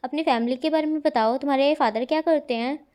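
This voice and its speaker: A woman's voice: sits high, fairly quick, a little mellow, close to an everyday voice. A woman voicing a nosy, pushy teenage schoolgirl who fires off prying questions in a storybook reading. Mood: pestering.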